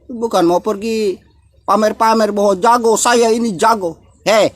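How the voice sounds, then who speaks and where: Older man from Indonesia, very high pitch, preachy angry rant. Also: fairly even intonation, a little slow, no echo. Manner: scolding, repetitive, preachy.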